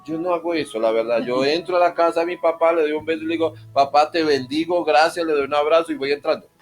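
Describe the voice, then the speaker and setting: A man's voice: on the high side, fairly even intonation, racing, faint music behind. A male pastor giving an informal sermon on prayer. He jokes and puts questions straight to his listeners.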